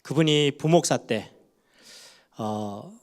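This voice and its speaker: 40s guy pastor giving a sermon, chatty, lots of uh's, medium pitch. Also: takes it slowly, a little mellow. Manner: conversational, frequent fillers, stretches words for emphasis. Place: church sanctuary.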